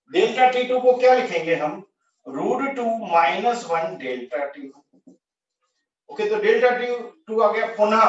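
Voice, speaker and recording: A man teaching a physics lesson, working through steps at a board, thinking aloud, correcting himself and checking with the class. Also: high voice. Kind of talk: explaining at a whiteboard. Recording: echoey, distant, dull lo-fi room sound.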